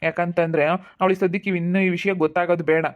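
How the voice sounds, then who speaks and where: An actor playing a calm male family elder who steadily consoles relatives and repeats his instructions. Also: high voice, brisk, natural voice. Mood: firm. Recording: tinny phone-like sound.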